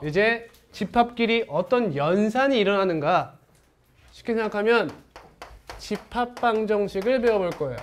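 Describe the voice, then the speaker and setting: A male math teacher lecturing a class. His voice sits fairly high and jumps up and down a lot as he fires off questions to the students and answers them himself. He talks in a brisk, chatty classroom way. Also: expressive, slight background noise.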